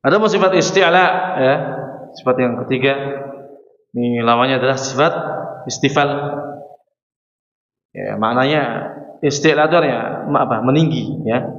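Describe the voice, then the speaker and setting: A man with an Indonesian accent leads a Quran pronunciation class in a mosque hall, repeating each sound and chanting verses slowly so students can copy him. His voice sits in the middle range and rings with a long, roomy echo. The recording sounds dull and lo-fi. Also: medium pitch, fairly bright tone. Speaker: Quran recitation teacher.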